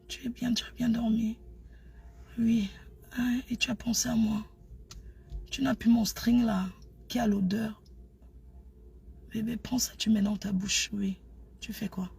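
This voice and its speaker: A woman playing a sultry lover on the phone, in a whispered role-play that is soft, breathy and coaxing. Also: a little high, full character voice.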